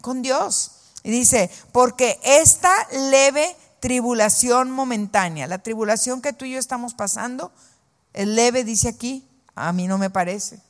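A woman preaching a sermon to women, reading scripture slowly and having the audience repeat lines after her. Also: a little high. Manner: slow, emphatic reading of scripture. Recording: long reverb of a hall.

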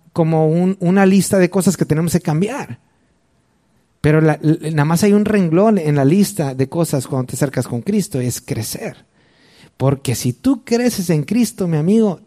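Man, Mexican accent, forties, pastor giving a relaxed sermon, warm dark tone. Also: on the high side. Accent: Mexican Spanish. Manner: conversational, addresses listener directly.

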